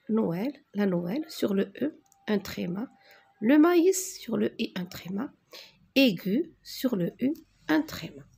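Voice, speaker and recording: A woman teacher going slowly through a spelling exercise, dictating words and naming each accent mark. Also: on the high side, vocal fry, mellow, breathy edge. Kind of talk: worksheet correction lesson.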